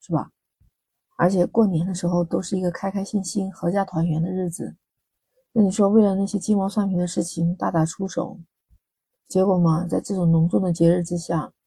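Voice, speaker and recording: A woman's voice: fairly low pitch, mellow, husky, no echo, rough recording. A woman hosting a vlog, giving casual relationship advice in a chatty way with many rhetorical questions. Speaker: vlog host.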